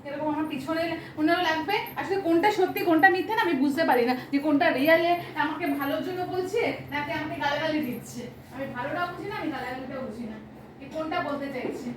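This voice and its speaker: Fast, high-pitched West Bengal woman. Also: a little hiss or hum. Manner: rapid complaining talk with many fillers. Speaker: vlogger and homemaker. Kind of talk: casual domestic argument. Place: home kitchen. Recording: roomy and distant.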